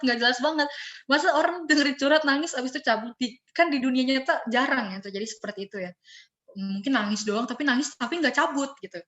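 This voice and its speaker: A woman's voice: a little high, muffled recording. Chatty young woman tutor. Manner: chatty, lively, acts out scenes. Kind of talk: casual online live class.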